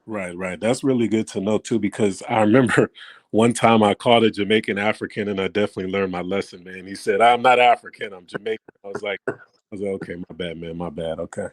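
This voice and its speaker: A man's voice: on the low side, quick pace, no echo. A man hosting a casual interview, asking loose, filler-heavy questions in a laid-back way. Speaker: host interviewer.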